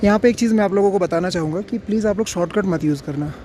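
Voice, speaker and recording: A man's voice: high-pitched, racing, mellow, a little hiss or hum. A man vlogging outdoors on a mountain trail, sick with a fever and worn out from climbing, chatting and giving friendly advice to viewers. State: unwell with a fever, tired from climbing. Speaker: travel vlogger. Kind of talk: casual travel vlog narration.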